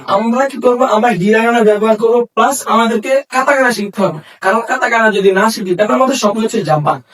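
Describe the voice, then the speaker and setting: A man's voice: very high-pitched, fast talker, fairly bright tone, distant mic. A man teaching a language class, explaining step by step and answering his own questions. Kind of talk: classroom lesson.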